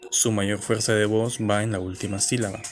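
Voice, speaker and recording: A man's voice: lowish voice, level tone, normal speed, soft background music. A man teaching a lesson, explaining patiently step by step and checking in with his listeners.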